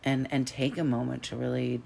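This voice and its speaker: A woman's voice: very deep voice, flat delivery, fairly quick, gravelly, warm tone, slight background noise. A woman co-hosting a podcast in casual chat, enthusiastic and agreeable. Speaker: podcast co-host.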